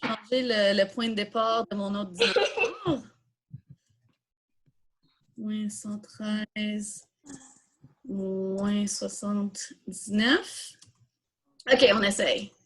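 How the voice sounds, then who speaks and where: A Quebec French-accented woman hosting a live online coding workshop thinks aloud informally and answers questions during her demo. Her medium-pitched, fairly bright voice has lively intonation, drawn-out words, and long pauses. The recording is rough.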